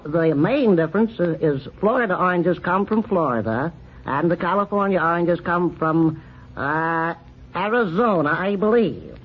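An actor playing a pompous, fussy older male country doctor who lectures in a drawn-out way, in old radio comedy. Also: high-pitched, breathy edge. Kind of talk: 1930s radio comedy acting. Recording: dull old radio recording with faint hiss.

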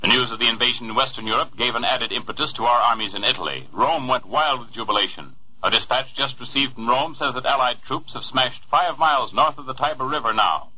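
Casting: American male newscaster, old 1940s newsreel delivery, formal and emphatic, slightly husky, dull vintage radio sound. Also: mid-range voice, fast, few pauses. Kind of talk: 1940s wartime radio news bulletin, old newsreel manner.

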